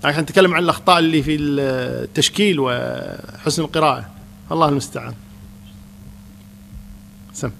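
A man, a Quran teacher calmly answering questions in a religious lesson. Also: on the high side, a little fast, vocal fry, long pauses, a little hiss or hum.

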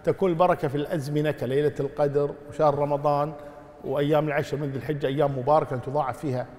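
A male Islamic scholar takes listeners' questions, his replies measured and full of pious formulas. He talks at a quick clip in a fairly high voice. A long hall reverb trails after him. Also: steady tone, darkish tone. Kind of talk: religious Q&A lesson.

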